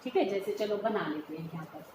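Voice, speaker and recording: A woman's voice: mid-range voice, fairly quick. A woman chemistry teacher giving a patient step-by-step lecture, often checking whether her students follow. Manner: patient, explains step by step, checks understanding by calling students "beta". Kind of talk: classroom lecture mixing Hindi and English terms. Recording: echoey room, faint background hum.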